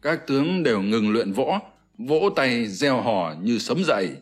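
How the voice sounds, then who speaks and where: A man narrating a historical novel in a measured, steady storytelling manner. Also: mid-range voice, breathy edge, faint music behind. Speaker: audiobook narrator.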